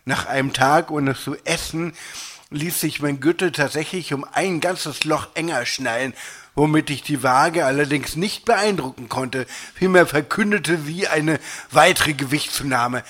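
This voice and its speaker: A man narrating a humorous story aloud in a lively, expressive way. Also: fairly high pitch, a little slow.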